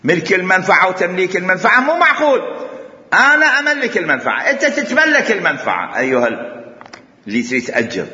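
A man's voice: high voice, pushed and bright. A man with an Iraqi Arabic accent teaching Islamic jurisprudence, arguing his point through rhetorical questions and repetition. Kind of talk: classroom lecture. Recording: echoey hall, dull lo-fi sound.

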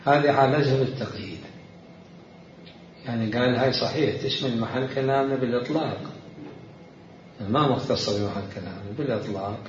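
A man teaching a seminary jurisprudence lesson, explaining slowly and repeating key words as he reads texts aloud. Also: mid-range voice, slight background noise. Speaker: religious law teacher. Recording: roomy, distant, muffled lecture recording.

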